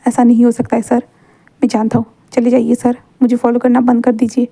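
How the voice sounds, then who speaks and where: A woman's voice: a little high, completely flat delivery, brisk, creaky, dark tone, dry recording. Woman voicing a pleading young male student. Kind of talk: fan story read-aloud.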